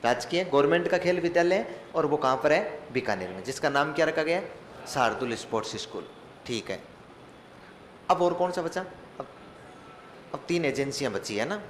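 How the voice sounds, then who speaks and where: A man teaches in an online exam-prep class, his voice a touch high. He asks questions and answers them himself, breaking in with joking, mock-dramatic asides. The room is echoey, with a faint hum of ambience. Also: lively intonation, moderate pace, long pauses.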